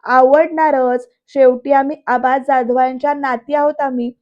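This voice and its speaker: A woman voicing a sharp-tongued young woman who snaps back with quick retorts. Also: high-pitched, steady tone, lo-fi sound. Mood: snappy.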